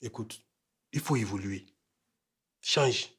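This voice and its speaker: An arrogant husband grown rich, his husky Burkinabè French voice unhurried and dismissive. He drawls his lines with a slow, lazy pace. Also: lowish voice, fairly bright tone, exaggerated voice. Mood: scornful. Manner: curt and scornful at home, polite on phone.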